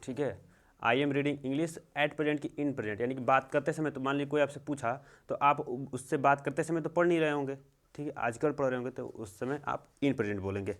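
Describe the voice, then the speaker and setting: Slow-paced Hindi-speaking English tutor, man. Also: mid-range voice. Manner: slow, repetitive, checks in often with "theek hai". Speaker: English teacher. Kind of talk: classroom-style grammar lesson.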